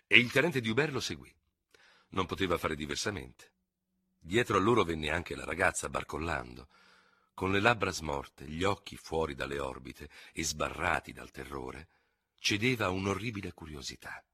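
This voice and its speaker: A man narrating a novel in a dramatic, expressive reading style. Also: extremely low pitch, moderate pace, breathy edge, no room sound, clean studio sound. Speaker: audiobook reader.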